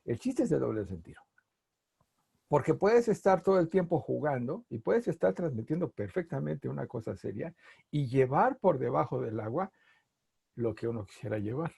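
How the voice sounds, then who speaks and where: A middle-aged man with a Mexican accent, a linguist being interviewed, talking in a playful, animated way. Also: mid-range voice, normal speed, vocal fry, slightly rough, dry recording, clean studio sound. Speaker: linguist guest. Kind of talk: conversational interview.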